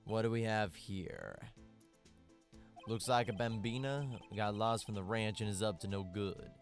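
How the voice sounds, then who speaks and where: A man's voice: fairly low pitch, unhurried, soft background music, voice pushed down. A man voicing a swaggering male detective who talks like a Wild West cowboy, drawling in frontier slang.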